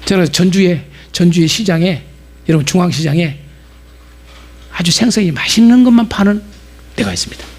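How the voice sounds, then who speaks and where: A middle-aged man preaching a lively sermon-lecture in a church, animated and jumping between quiet asides and loud acted-out outbursts. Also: high-pitched, brisk, pauses often. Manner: animated, acts out market sellers with sudden loud outbursts. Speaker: pastor and Bible lecturer.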